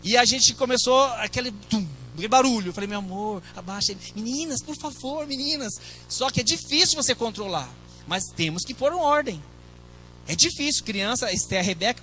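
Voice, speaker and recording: A man's voice: high voice, lively intonation, a little fast, sharp tone, a little hiss or hum, low-quality recording. A middle-aged man with a Brazilian Portuguese accent, a pastor preaching a sermon in a conversational way, with asides to the congregation.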